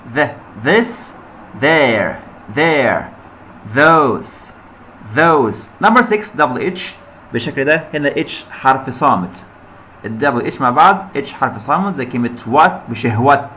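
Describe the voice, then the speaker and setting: A man with an Egyptian Arabic accent teaching English pronunciation, repeating each word slowly and stretching out its sounds. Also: mid-range voice, pushed and bright, slight background noise. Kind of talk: pronunciation lesson.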